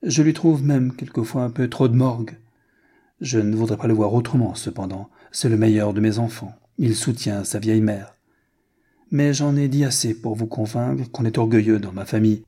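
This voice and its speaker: A man's voice: medium pitch, moderate pace, warm tone, slightly rough, lightly acted. A man reading the lines of a proud, cold old aristocratic marquise in a haughty, formal way.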